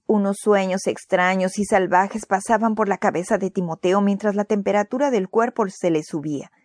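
A woman reading a children's story aloud in a clear, expressive way. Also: mid-range voice, moderate pace, dry recording.

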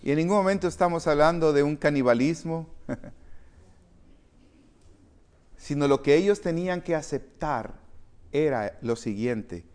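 Male pastor, slightly high voice, slow deliberate sermon delivery, dynamic swings in volume. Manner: preaching with wide swings in loudness, rising to emphatic calls; addresses congregation directly, restarts words.

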